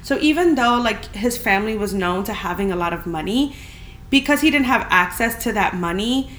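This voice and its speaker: A woman's voice: mid-range voice, animated, moderate pace, fairly bright tone. Chatty woman podcaster in an echoey room. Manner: chatty, candid and conversational. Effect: big echoey room sound. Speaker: podcast host. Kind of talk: casual solo podcast chat. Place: spacious, empty apartment indoors. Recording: echoey room with faint background hiss.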